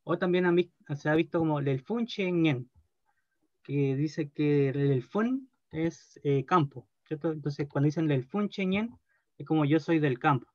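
A man teaching a language class, speaking slowly and deliberately and often checking in with his students. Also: fairly high pitch, a little mellow, dry recording, dull audio.

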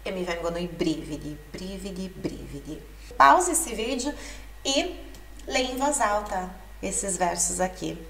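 A woman teaching an Italian lesson to Portuguese speakers, explaining patiently and reading lyric lines aloud slowly. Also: lowish voice, expressive, gravelly, a bit bright, slight background noise. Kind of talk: language lesson. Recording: echoey room, mic at a distance.

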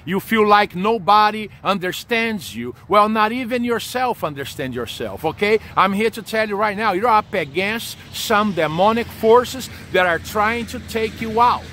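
Outdoors under a leafy tree, a man in his forties gives an informal, earnest sermon of encouragement straight to camera. His voice sits high and sounds pushed and bright, expressive and measured with few pauses. He repeats himself and punctuates points with short check-ins like "okay" and "amen."

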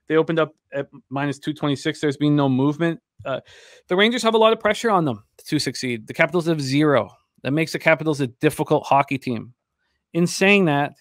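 A middle-aged man with a slightly high voice hosts a sports betting show, breaking down games in a conversational way with short, emphatic statements. He speaks close to a large desk microphone, and there's no room sound.

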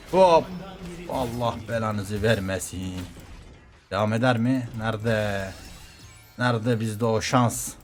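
A man streaming a game, talking fast to viewers and teammates, swearing casually and getting excited by turns. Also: medium pitch. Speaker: gaming streamer. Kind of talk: live gameplay commentary.

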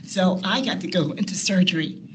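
Seated at a long table in a meeting room, a nurse educator on a panel tells personal stories, frequently laughing and acting out what people said. Her lowish voice is brisk with vocal fry, and there's slight background noise.

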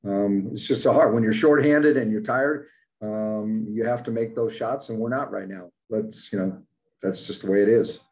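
An older male basketball head coach answers postgame press conference questions over a video call, using a desk webcam indoors in front of a logo backdrop. He is plain-spoken and matter-of-fact, with many fillers, speaking at normal speed in a low, mellow tone. The recording quality is low.

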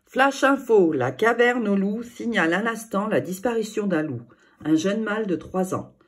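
A woman's voice: mid-range voice, expressive, normal speed, breathy edge, pitched above the performer's own voice. Storybook newsreader, formal and punchy; woman puts it on. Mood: announcing. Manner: announcer-like, emphatic. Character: formal radio news presenter.

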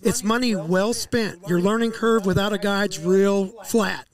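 Gravelly high-voiced man, fishing guide. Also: a little slow. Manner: relaxed, explanatory, frequent fillers and restarts. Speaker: walleye fishing guide, podcast guest. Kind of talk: casual interview. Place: outdoor deck by a lake. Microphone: headset mic.

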